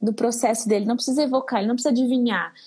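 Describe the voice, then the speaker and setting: A woman with a Brazilian Portuguese accent speaks as a guest expert in a casual interview. Her voice sits a little high and has a husky, breathy edge. She explains in a lively way and acts out little examples. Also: racing. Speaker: speech therapist guest.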